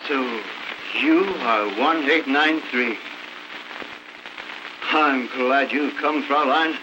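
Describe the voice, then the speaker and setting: An actor in an early talkie film playing a courteous hotel manager who speaks formally, with hesitant pauses. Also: male voice, mid-range voice, dull audio, noisy background. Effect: early talkie film sound.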